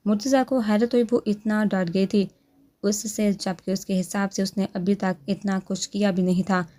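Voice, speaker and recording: A woman narrating a romance novel in a steady storytelling manner. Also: medium pitch, moderate pace.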